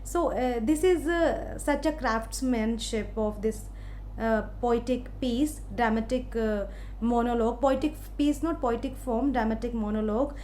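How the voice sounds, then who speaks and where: A woman from India with an Indian English accent, giving a literature lecture in a slow, explaining way with many hesitant fillers. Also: on the high side, darkish tone, a little hiss or hum. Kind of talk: recorded lecture.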